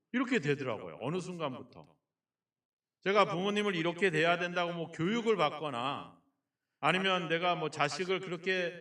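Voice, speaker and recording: A man's voice: a little high, a bit bright. A middle-aged male pastor preaching a sermon, telling joking personal stories and asking the congregation questions. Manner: folksy, joking storyteller who asks the congregation questions. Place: church sanctuary. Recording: echoey church from a distant mic.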